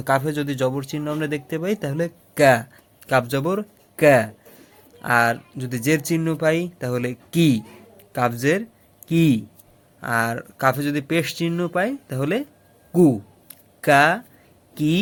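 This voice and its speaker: A man teaching Arabic letters step by step, patiently repeating each syllable and often checking that the learner follows. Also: on the high side.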